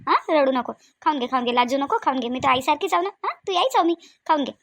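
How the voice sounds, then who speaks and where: A motherly older village woman fusses in a Varhadi accent for a cartoon, her voice high and her talk quick. She coaxes and repeats herself over and over. The recording is close and dry. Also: animated, fairly bright tone, no room sound. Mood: comforting. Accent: Varhadi Marathi. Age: middle-aged. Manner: coaxing, fussing, repeats herself. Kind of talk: cartoon voice acting.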